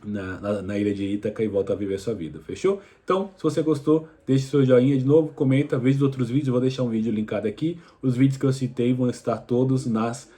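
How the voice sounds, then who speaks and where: Relaxed man retelling a myth casually. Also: medium pitch, quick pace, few pauses. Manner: relaxed retelling with frequent fillers and restarts; colloquial, addresses viewer directly. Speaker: history video host. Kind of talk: casual educational explainer.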